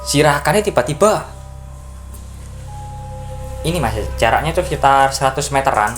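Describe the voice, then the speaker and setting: A man from Java, a podcast guest, casually telling a story in an animated way, acting out voices and sound effects. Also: mid-range voice, normal speed, faint music behind. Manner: animated, acts out voices and sound effects, keeps addressing the listener.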